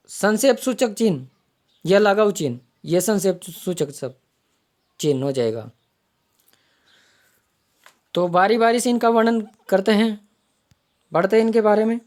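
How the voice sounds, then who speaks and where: A woman teaching an online exam-prep grammar class at a middle pitch. She explains step by step, repeats each term as she points to it, and slows down to read out example sentences. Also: darkish tone. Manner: explanatory, repeats terms while pointing them out.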